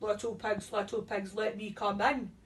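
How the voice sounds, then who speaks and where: A woman's voice: medium pitch, little pitch movement, normal speed, far from the mic, voice pushed down, lightly acted. A woman voicing a big bad wolf from a storybook, boastful and menacing, in chanted threats. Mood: coaxing.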